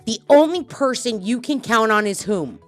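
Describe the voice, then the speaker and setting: A middle-aged woman hosts a casual podcast, telling personal stories in a blunt, animated way and swearing freely. Her voice is fairly high and moves at normal speed, with soft music playing in the background.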